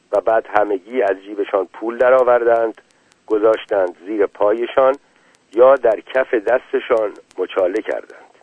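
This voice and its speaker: A man reads a story aloud at a middle pitch, voicing each character's lines in brief turns between plain narration. The sound is narrow and tinny, like a phone line or an old radio broadcast, with no room echo at all. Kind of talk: audiobook reading of a story with dialogue.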